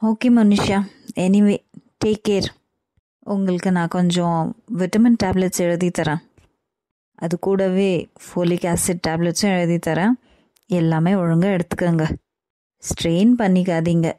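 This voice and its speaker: A woman voicing a calm doctor in a cartoon, giving firm advice, with a Kanyakumari Tamil accent. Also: fairly low pitch, unhurried, long pauses, no echo, lightly acted. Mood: advising. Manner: firm, advising.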